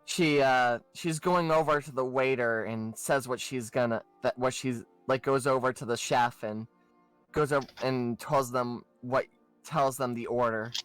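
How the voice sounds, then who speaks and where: A man's voice: medium pitch, fairly even intonation, fairly bright tone, smooth, dry recording, low-quality recording. Guy running a tabletop game, keeps restarting sentences, faint music behind. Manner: halting, many restarts and fillers. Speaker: game master.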